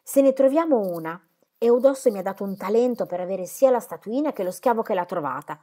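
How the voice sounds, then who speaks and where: A woman's voice: mid-range voice, fairly quick, voice pushed up, close to an everyday voice. A woman reading the part of a bold young female flute player in a storybook, speaking firmly and steadily. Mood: earnest. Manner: firm and steady.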